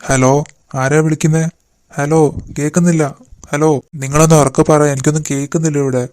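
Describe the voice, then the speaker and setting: ഒരു പുരുഷൻ കാർട്ടൂണിൽ ആശങ്കയുള്ള ഒരു അച്ഛന് ശബ്ദം നൽകുന്നു; അയാളുടെ സംസാരം ആത്മാർത്ഥവും അടിയന്തിരത നിറഞ്ഞതുമാണ്. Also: male voice, fairly high pitch, steady tone, fairly quick, darkish tone, no echo, lightly acted. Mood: urgent. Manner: earnest, urgent. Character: worried father, practical.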